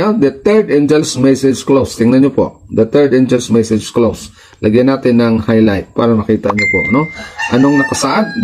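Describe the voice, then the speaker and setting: A man's voice: medium pitch, noisy background. A man with a Filipino accent, a pastor preaching a sermon. He reads passages aloud in English, then explains them in Tagalog, repeating his points with emphasis.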